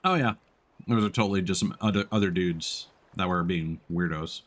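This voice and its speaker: A game streamer with a low voice offers casual live commentary at normal speed, musing and thinking aloud while he plays. Faint game ambience runs in the background.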